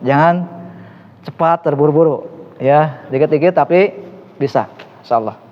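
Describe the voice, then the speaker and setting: A man's voice: fairly high pitch, normal speed. A man teaching an Arabic class, encouraging his students and praising often. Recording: lo-fi, reverberant room.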